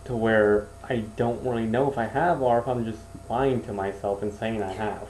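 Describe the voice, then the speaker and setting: A man's voice: lowish voice, steady tone, normal speed, darkish tone. A man chatting casually as a podcast co-host, hesitant and hedging, often restarting his sentences. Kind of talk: casual chat. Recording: echoey room with faint noise.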